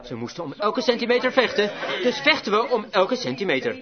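A man's voice: high voice, big pitch swings, fairly quick, a crowd in the background. A man preaching a sermon with fervent, emphatic exhortations. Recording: dull lo-fi recording with congregation audible.

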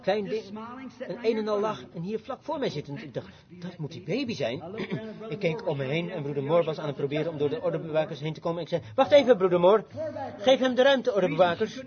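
A man's voice: fairly high pitch, fast talker. A man preaching a sermon, telling a story with rising fervor. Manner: storytelling, rising to loud fervent shouts. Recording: dull lo-fi live recording with crowd.

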